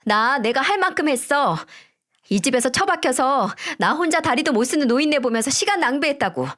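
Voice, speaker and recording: A woman's voice: high voice, animated, a little fast, a bit bright, voice pushed up. A woman voicing a spiteful, defiant middle-aged wife who sneers back at her accusers.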